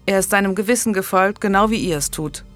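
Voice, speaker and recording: A woman reading an audiobook, voicing a calm, polite young medieval nobleman with a steady, firm manner. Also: medium pitch, fast, soft background music, natural voice.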